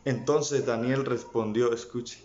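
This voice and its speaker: A man's voice: mid-range voice, fairly even intonation, unhurried, a little mellow. A man preaching a sermon, speaking straight to his listeners and rising in fervor. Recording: dull lo-fi sound.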